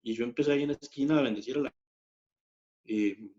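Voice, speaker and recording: A man at a middling pitch tells of his faith as a deacon, in an earnest, storytelling way. He often hesitates and fills pauses as he goes. The recording sounds a little muffled. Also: mellow. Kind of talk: personal faith testimony.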